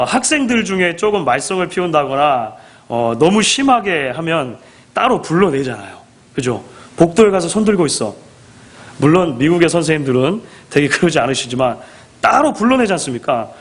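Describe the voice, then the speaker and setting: Male pastor, sermon, fairly high voice, very lively pitch, acts out quoted speech, rhetorical questions. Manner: asks the congregation rhetorical questions.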